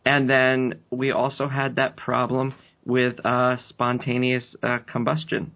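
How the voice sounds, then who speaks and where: A man co-hosting a comedic podcast, deadpan and halting, with slow absurd asides. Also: mid-range voice, vocal fry. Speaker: podcast co-host. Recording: lo-fi podcast recording.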